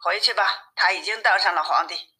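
A woman's voice: medium pitch, moderate pace, bright, forceful tone, lightly acted. A woman doing a curt magic talking flounder. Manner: curt, brief replies. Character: magic flounder fish granting wishes.

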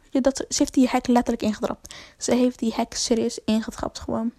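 A woman's voice: a little high, little pitch movement, brisk, dark tone, dry recording. A young woman telling a rambling, slangy story to camera, full of fillers and swearing. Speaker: vlogger.

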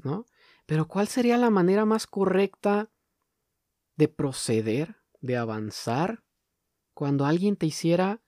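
A man talks through his thoughts in a calm, reflective monologue, putting question after question to the listener. His voice has a warm, mellow tone. The recording is dry and close, and he stretches certain words slowly to make a point. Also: on the high side, dry recording. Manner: thoughtful, poses many rhetorical questions; slows down to stress key words.

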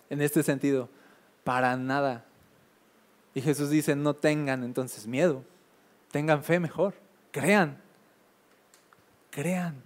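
A man's voice: fairly high pitch, a little mellow. A man preaching a casual sermon, chatty with frequent filler tags and emphatic repetition.

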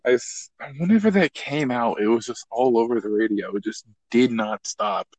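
A man's voice: mid-range voice, normal speed, darkish tone, no room sound. A young man in casual chat, laid-back and jokey, swearing freely.

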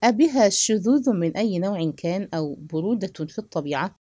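A woman voicing a composed, proud young male doctor who asks calm, probing questions. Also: mid-range voice, brisk, dry recording, close to an everyday voice.

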